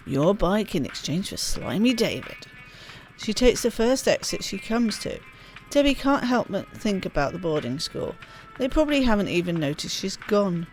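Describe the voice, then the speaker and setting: Game music sits behind a woman's mid-range, darkish voice as she reads a game's story text aloud. As a let's play host, she delivers it expressively and slips in casual remarks while playing.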